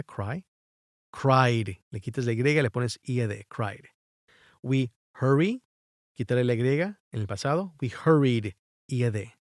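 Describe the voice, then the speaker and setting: A man's voice: mid-range voice, no room sound, clean studio sound. A man with Spanish as his first language, teaching English grammar in a bilingual lesson, patiently spelling out letters and repeating each rule.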